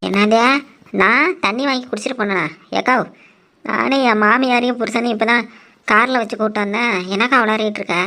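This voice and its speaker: A woman with a fairly high voice plays a brisk, bossy village woman in a cartoon. She talks sharply and briskly, scolding and ordering people about. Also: fairly even intonation, pushed and bright. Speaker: cartoon narrator and voice actor. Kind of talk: cartoon voice acting.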